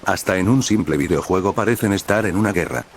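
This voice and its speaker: A man's voice: low voice, fast talker, slight background noise. A man voicing a jovial, hearty older male hero mentor. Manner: hearty, laughing.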